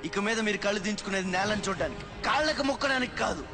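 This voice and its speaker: An actor playing a fierce, defiant rebel leader in a film, declaiming commandingly to rally the downtrodden. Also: male voice, sits high, expressive, rapid-fire. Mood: fiery, defiant. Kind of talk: heroic film oratory. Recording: long hall reverb, music underneath.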